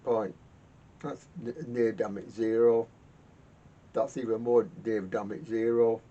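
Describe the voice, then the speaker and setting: Hosting a workshop video, this vintage radio fixer gives relaxed commentary as he works in his garage, his delivery flat, mellow, and halting. He mumbles to himself and repeats words, and the lo-fi recording is muffled with rumbling noise.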